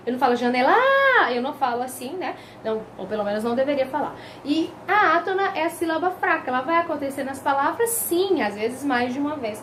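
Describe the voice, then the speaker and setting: A high-voiced woman teaches a grammar lesson with lively emphasis. She draws out each example word and keeps throwing questions at the viewer. A faint background hum runs under her voice. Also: low-quality recording. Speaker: Portuguese language teacher.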